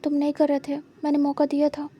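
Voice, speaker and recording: A woman doing a hushed, coaxing young man. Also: high-pitched, completely flat delivery, fairly quick, close to an everyday voice. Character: teasing, possessive young man, quietly coaxing.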